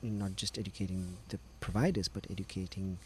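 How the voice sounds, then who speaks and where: A man's voice: low voice, fairly even intonation, fairly quick, slight background noise. A middle-aged man from Sri Lanka, a doctor patiently explaining medical matters as a guest on a podcast interview.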